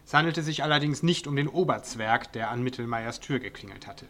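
A man's voice: medium pitch, brisk, fairly bright tone. A man reading his own comic story aloud in a dry, wry storytelling manner. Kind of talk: audiobook narration.

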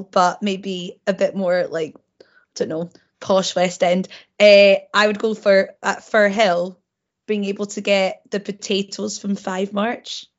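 A young woman on a football fan podcast, telling stories in giggly casual chat full of fillers. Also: mid-range voice. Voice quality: creaky. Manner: giggly, filler-heavy storytelling. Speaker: podcast panelist. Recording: dull lo-fi podcast audio.

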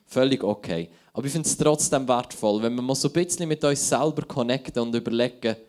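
A man's voice: medium pitch, fairly quick, a little mellow. Casting: Swiss German-accented pastor, thirties, loose conversational sermon delivery, mid-range male voice. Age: 30s. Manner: conversational, thinking aloud with restarts. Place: church hall.

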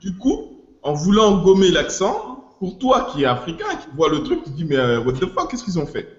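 Lively man with a roomy, muffled sound. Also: sits high, moderate pace. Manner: explains at length, restarts phrases, drops English expressions. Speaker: podcast co-host. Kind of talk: casual panel discussion. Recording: muffled, roomy podcast recording.

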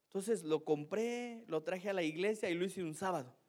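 A male pastor preaching in a loose, chatty way, poking fun at his own mistakes. His voice sits a little high for a man, and he keeps tagging his lines with a quick "¿no?". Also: darkish tone. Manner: self-mocking, chatty, keeps asking "¿no?". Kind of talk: sermon with a humorous personal story.

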